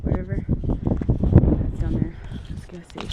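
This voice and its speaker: A woman's voice: slow, lo-fi sound, very noisy. A bubbly woman, chatting casually as she films her own vlog on a handheld camera. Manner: bubbly and chatty, often whispering softly indoors. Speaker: vlogger. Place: cabin indoors, then outdoors on a snowy ski slope. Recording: background music over the voice.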